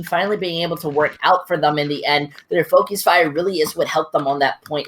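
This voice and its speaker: A woman casting a live esports match, giving a brisk running call of the action. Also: on the low side, fairly bright tone, a little hiss or hum. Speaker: esports play-by-play caster. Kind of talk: live play-by-play commentary.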